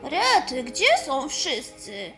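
Woman voicing a young boy, hesitant, slow, very high voice. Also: huge pitch swings, pushed and bright, soft background music, heavily acted. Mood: concerned. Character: young boy, caring but awkward brother.

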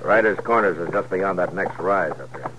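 An actor playing a steady, skeptical American frontier marshal, terse and authoritative, in a 1950s radio western. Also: male voice, low voice, normal speed, natural voice. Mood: commanding. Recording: muffled, noisy 1950s radio recording.

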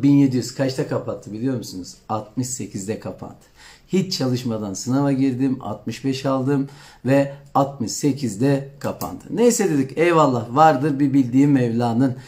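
A man's voice: medium pitch, darkish tone. A man talking on a live stream, coaching exam candidates with an earnest personal story, often calling his listeners friends and answering viewer comments.

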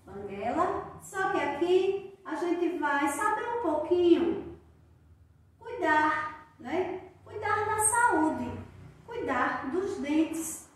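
A woman teacher with a Brazilian Portuguese accent giving a slow, patient literacy lesson to young children, sounding out syllables one by one. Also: very high voice, sing-song. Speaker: primary school teacher. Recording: very echoey room, voice from a distance.

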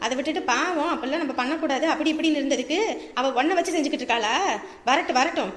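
A woman's voice: sits high, fast, fairly bright tone, reverberant, in a large hall. A woman playing an outspoken elderly village grandmother in a comedy skit, scolding and protective with emphatic calls. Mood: indignant.

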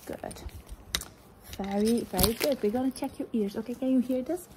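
A young woman doing a fast ASMR role-play as an examining doctor, murmuring short, repeated phrases in a hurried way. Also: fairly high pitch. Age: young adult. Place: indoors, small room at home. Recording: clearly noisy close recording with clicks.

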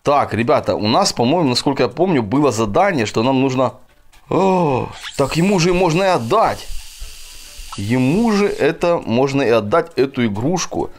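A gaming video host gives casual, chatty gameplay commentary aimed at children, often speaking straight to his viewers. His mid-range voice is animated and moves at a moderate pace, with game music playing behind it.

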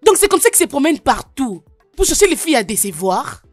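An outspoken young woman who teases and scolds. Her voice is high and swoops expressively, and the recording is dry. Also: sing-song, fairly quick, no echo, soft background music. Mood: teasing. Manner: emphatic, teasing. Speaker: daughter. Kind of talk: dubbed film acting.

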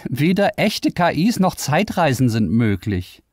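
A mocking, excitable young woman researcher in a science-fiction audio story, put on by a male narrator. Her lines jump far above a man's normal pitch, loud and lively, on a dry, close recording. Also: a little slow, husky, no room sound, full character voice. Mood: scornful. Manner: mocking, agitated.

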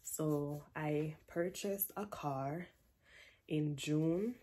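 A woman's voice: low-pitched, very slow. Laid-back Jamaican woman in her twenties. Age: 20s. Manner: relaxed, playful, drifts into patois. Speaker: vlogger. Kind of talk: casual Q&A vlog. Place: bedroom, indoors. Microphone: camera at close range.

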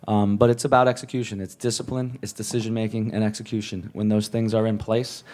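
A man with a lowish, warm, relaxed voice fields questions as a head coach after a match. He talks in a measured way, restarting and repeating words while he thinks. His voice comes close on a table mic in an indoor press room. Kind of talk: post-match press conference answers. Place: press room with a sponsor backdrop. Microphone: table mic on a stand.

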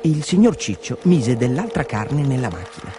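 A man narrating a children's story in a lively, expressive reading. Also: mid-range voice, moderate pace, background noise.

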